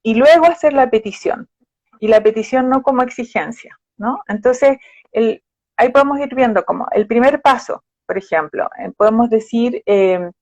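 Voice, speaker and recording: A woman's voice: fairly high pitch, moderate pace, a little mellow, no echo. Patient woman psychologist explaining. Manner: patient, explanatory, gives examples with quoted phrases. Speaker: psychologist guest. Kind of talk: explaining in a live conversation. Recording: dull, dry live-stream audio.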